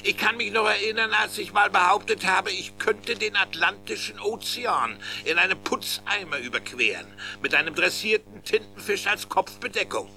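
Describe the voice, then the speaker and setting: A man's voice: high-pitched, moderate pace, hardly any pauses, exaggerated voice. A man playing an old, boastful male bear sea captain who narrates tall tales to his grandchildren in a children's audio play. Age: older. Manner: boastful, rambling tall-tale teller. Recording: loud background music. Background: music.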